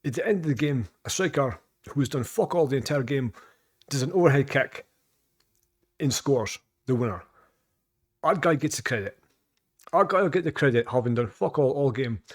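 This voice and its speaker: This Scottish man speaks at a medium pitch and normal speed, sounding expressive and pausing often. Working as a reaction vlogger, he meanders through laid-back commentary full of filler words, false starts and profanity, circling back on the same points.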